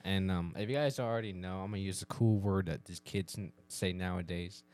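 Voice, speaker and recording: A man co-hosting a casual podcast while eating hot wings, excitable and laughing often, restarting his words, close on the mic in a podcast studio. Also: deep voice, fairly quick. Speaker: podcast co-host.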